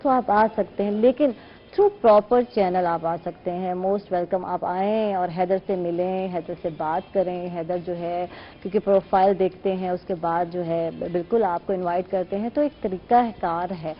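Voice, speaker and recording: Chatty woman hosting a morning show. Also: on the low side. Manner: relaxed, conversational, drawn-out emphasis. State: slightly sore throat and blocked nose. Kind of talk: chatty talk to the viewers. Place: TV studio. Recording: dull lo-fi sound with faint noise.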